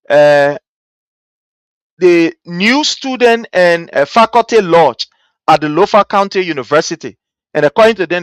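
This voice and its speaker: A Liberian-accented host delivers impassioned political commentary in a medium-pitched voice. The delivery is indignant and mocking, built on rhetorical questions and emphatic repetition. The sound is dry, with hardly any room to it. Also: no echo.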